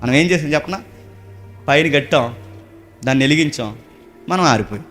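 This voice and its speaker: A man preaching a Christmas sermon to young people in Telugu with an East Godavari accent, swinging from hushed asides to loud exhortation and firing questions at his listeners. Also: a little high, lively intonation, fairly quick. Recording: faint music behind.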